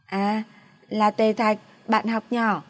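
A woman's voice: medium pitch, level tone, takes it slowly, pitched above the performer's own voice, close to an everyday voice. A woman voicing a drunk, spoiled young woman who sulks and pleads in a slurred, petulant way. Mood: clingy, tipsy.

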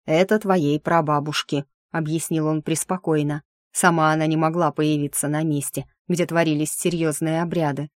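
A woman's voice: low voice, flat delivery, moderate pace, no echo. A woman reading a first-person audiobook in a wry, sardonic inner-monologue manner, close to the mic. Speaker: audiobook narrator.

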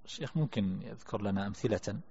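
Calm male teacher reading and explaining a text, lo-fi recording with lingering reverb. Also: on the low side, quick pace, vocal fry, breathy edge. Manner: calm explanatory, reads quotes aloud then comments. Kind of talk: lecture.

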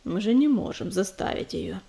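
A woman voicing a level-headed young male warrior cat who speaks calmly and evenly. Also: medium pitch, gravelly, voice pushed down. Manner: calm, measured.

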